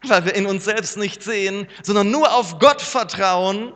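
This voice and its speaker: A male pastor preaching with a high, bright and forceful voice. He talks in a lively way and now and then acts out the voices he quotes. The sound rings with long reverb in a church hall, with a mains hum underneath. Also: unhurried. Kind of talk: sermon.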